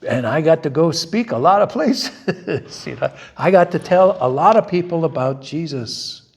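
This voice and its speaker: A gravelly, expressive voice on the high side belongs to a middle-aged pastor delivering a sermon in a church sanctuary at a moderate pace. Loud and emphatic, he alternates Korean with English and throws out rhetorical questions.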